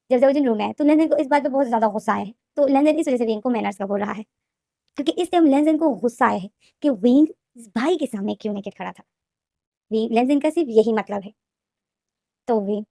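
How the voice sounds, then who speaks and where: A woman retelling a fan fiction plot in a rapid, repetitive storytelling manner. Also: sits high, warm tone, dry recording, clean studio sound. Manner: fast, repetitive storytelling with restarts. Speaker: story explainer.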